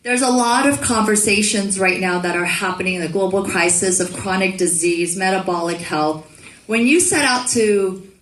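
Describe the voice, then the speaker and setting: A woman moderating a film festival panel, formally introducing the guests. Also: mid-range voice. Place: festival screening room. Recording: echoey room.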